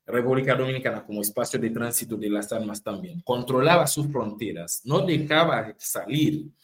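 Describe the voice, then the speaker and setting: A man's voice: medium pitch, moderate pace. Man making emphatic political argument. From Haiti. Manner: emphatic, repeats phrases for rhetorical weight. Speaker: political activist speaker. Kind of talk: impassioned political talk.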